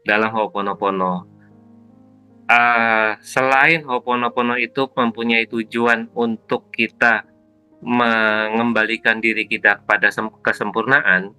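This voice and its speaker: Guy calmly explaining a spiritual practice, really bright tone, keeps repeating the main points, soft music way behind. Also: mid-range voice, clear, resonant tone. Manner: patient, repeats key phrases for emphasis. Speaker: spiritual teacher guest.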